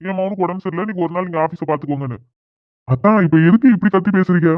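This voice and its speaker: A man's voice: sits high, rapid-fire, dry recording, close to an everyday voice. A man voicing a scolding village father. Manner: scolding, pressing questions. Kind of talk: cartoon voice acting. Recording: dry, phone-like narrow sound.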